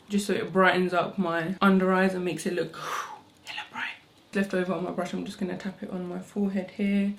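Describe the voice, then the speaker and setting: Still sleepy-sounding, a young woman with a voice on the low side rushes through a casual get-ready-with-me makeup tutorial indoors at home. She's a makeup vlogger using her own microphone, speaking fast and chattily with fillers while faint music plays.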